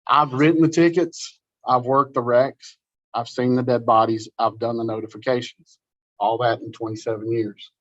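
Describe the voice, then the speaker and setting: A man's voice: mid-range voice, moderate pace, no room sound. Man, middle-aged, folksy storyteller, conference talk, dry muffled recording. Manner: animated, folksy storyteller, repeats words. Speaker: conference presenter. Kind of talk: informal conference talk with a told joke. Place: meeting room.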